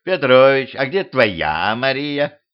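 A heavyset male hypnotist who takes charge and barks orders, played by a man reading an audiobook. He sounds loud and commanding. The recording is dull and lo-fi. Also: medium pitch, sing-song, slow pace, clear, resonant tone, voice pushed up.

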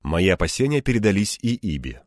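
A man's voice: deep voice, sing-song, brisk, darkish tone, no room sound, studio quality. A man reading a first-person audiobook narration with wry, ironic asides.

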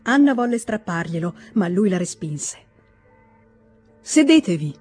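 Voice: mid-range voice, husky, soft background music. Lettura di audiolibro, voce morbida e calda. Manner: measured, expressive reading. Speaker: audiobook reader. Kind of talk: scripted literary narration.

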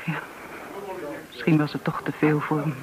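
A deep-voiced actress delivers a lightly acted, monotone performance at normal speed as a young-sounding widow, composed and apologetic, meeting an old friend. The naturalistic radio-play style stays restrained and sorrowful, with hesitant moments. Crowd bustle sits behind a dull-sounding recording.

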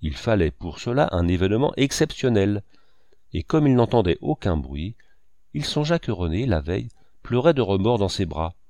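A man reads a literary novel aloud in a measured, expressive way. His low voice rises and falls with lively inflection. He is close to the microphone in a dry, dead sound. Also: no echo. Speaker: audiobook narrator. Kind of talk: literary audiobook narration.

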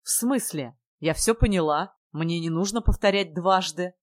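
A woman voicing a young woman who speaks in a flat, indifferent tone. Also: medium pitch, moderate pace, natural voice. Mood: detached. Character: cool detached young woman.

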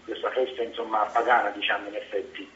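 A man from Naples calling a radio show over the phone, in a rambling, halting way that keeps repeating itself. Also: on the low side, flat delivery, fairly bright tone. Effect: heard over the phone. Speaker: radio caller. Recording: tinny echoey phone line, faint hiss.

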